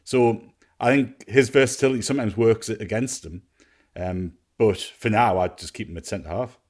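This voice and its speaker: A man's voice: lowish voice, normal speed, darkish tone. A man talking casually about football as a podcast panellist. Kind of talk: casual football fan chat.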